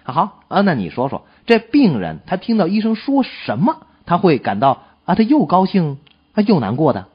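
A man's voice: high-pitched, huge pitch swings, normal speed, husky. A man performing a comic crosstalk dialogue as the exasperated, incredulous partner. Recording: dull lo-fi recording.

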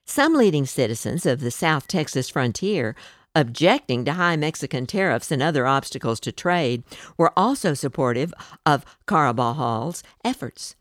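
A woman narrating a scripted history piece in a measured, deliberate reading. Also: low voice, big pitch swings, no room sound, studio quality.

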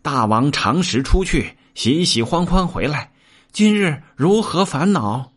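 A man's voice: fairly high pitch, lively intonation, measured pace, fairly bright tone, breathy edge, pitched above the performer's own voice, exaggerated voice. A man voicing an anxious little male demon underling in a told story. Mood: worried.

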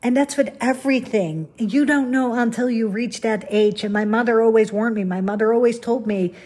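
A woman's voice: on the high side, moderate pace, darkish tone, husky. A middle-aged woman from the Netherlands, hosting a podcast in a candid, rambling, self-deprecating solo monologue. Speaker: podcast host.

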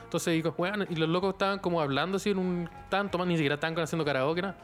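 A young Chilean man talks in a quick, tumbling rush and fills his stories with slang, often laughing between them. His voice sits a little high for a man, with faint music underneath. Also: steady tone. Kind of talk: casual chat.

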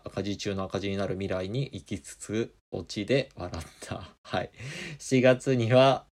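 A man from Kansai, Japan, hosts a casual podcast and reads out listener comments. His voice sits low and has a gravelly fry. He meanders through his answers with lots of small asides. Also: darkish tone. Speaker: podcast host.

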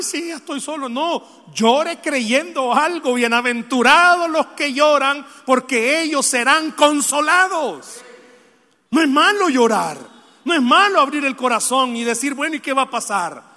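High, bright-voiced male preacher in a reverberant hall. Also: animated, measured pace. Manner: emotional, swinging from soft sorrowful confession to loud exhortation; addresses the congregation directly with questions. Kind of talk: sermon.

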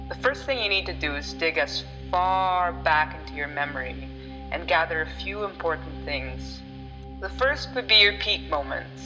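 A playful explorer guide, played by a woman, gives scripted instructions in a fairly low voice. Music plays clearly behind the narration. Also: low-quality recording. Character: playful explorer guide setting a self-discovery task.

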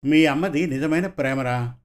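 Male reader plays a gentle older father in an audio story, tender and reminiscing. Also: a little high, moderate pace, natural voice. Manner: warm, storytelling to his daughter. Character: aging father, gentle, reflective, affectionate.

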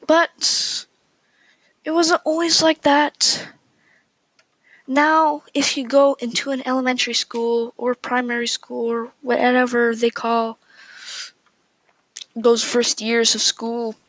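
A woman's voice: a little high, level tone, slow pace, long pauses, a bit bright, dry recording, low-quality recording. A woman hosting a casual solo podcast, talking in an opinionated, chatty way with frequent restarts. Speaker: podcast host.

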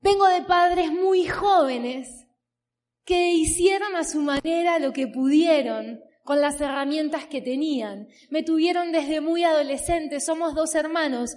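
A woman in her thirties with an Argentine accent from around Buenos Aires speaks in a high, darkish voice at a measured pace. As a motivational speaker at a business event, she tells her personal story from a stage before a live audience, emphatically stacking long, repeating lists.

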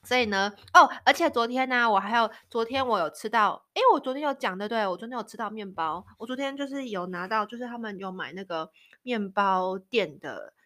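A woman's voice: medium pitch, fairly quick, a bit bright. A woman in her thirties from Taiwan with a Taiwanese Mandarin accent, hosting a casual storytelling chat. She laughs often and acts out the voices of people in her stories. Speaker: podcast host.

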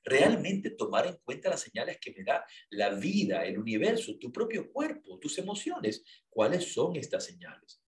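A man hosting a casual talk show, telling stories in an animated way and asking rhetorical questions. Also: on the high side, moderate pace. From Ecuador.

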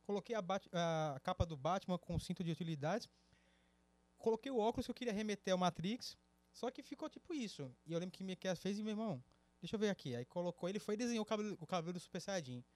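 A man co-hosting a podcast, telling a story in lively casual chat. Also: high voice, fast talker, dry recording. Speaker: podcast co-host.

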